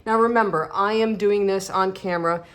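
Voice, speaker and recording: A woman's voice: mid-range voice, fairly even intonation, normal speed. A woman demonstrating stamping techniques in a casual craft tutorial, chatting and joking about herself as she works. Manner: chatty, self-deprecating, talks while working.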